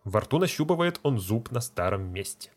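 A man narrating a classic short story in a steady reading voice. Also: medium pitch, moderate pace.

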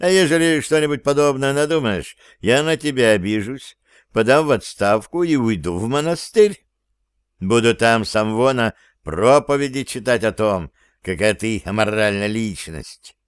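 Man voicing a fretful male henchman, easily offended, clear dry voice. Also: mid-range voice, expressive, normal speed, no echo, lightly acted. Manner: indignant, whiny. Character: fussy, excitable male sidekick.

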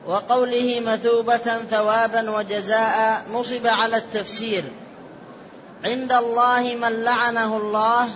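A man reading a classical religious text aloud to his teacher in a lesson, with measured, formal recitation and careful vowel marking. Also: very high-pitched, level tone, fairly bright tone. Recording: dull lo-fi with faint hiss.

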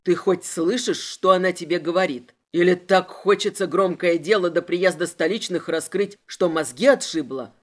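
A woman's voice: lowish voice, moderate pace, hardly any pauses, pitched below the performer's own voice, natural voice. A woman voicing a brutal male police inspector who barks threats and interrogates harshly. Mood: angry.

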